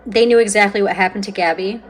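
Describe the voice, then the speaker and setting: A woman hosting a paranormal session, talking casually and conversationally, commenting and putting questions out loud, with pauses to listen. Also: medium pitch, rough recording. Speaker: host of a paranormal spirit box session.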